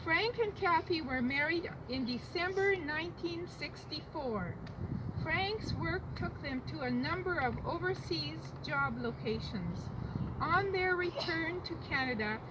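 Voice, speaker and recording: High-voiced older woman, distant and noisy recording. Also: expressive, a little slow. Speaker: family eulogist. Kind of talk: prepared funeral eulogy, read aloud. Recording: distant muffled mic, loud background noise.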